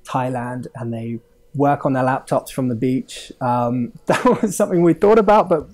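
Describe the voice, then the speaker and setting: His mid-range voice has a darkish tone and a moderate pace as this Hong Kong-born game studio owner chats as a podcast guest. It's a casual interview, and he rambles, using many fillers and chuckling mid-sentence.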